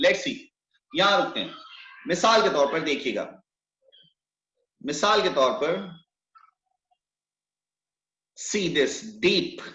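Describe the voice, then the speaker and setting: A man's voice: on the high side, very animated, drawn-out words, pauses often, pushed and bright. A man teaching an online English grammar lesson, questioning students by name. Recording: echoey, dull online class audio.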